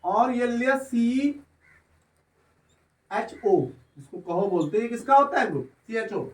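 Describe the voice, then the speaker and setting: A man's voice: very high voice, lively intonation, unhurried. A male chemistry teacher giving a classroom lecture, drawing out words and asking again and again whether the students follow. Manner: keeps asking if students understand, draws out words. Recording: echoey room, voice from far off.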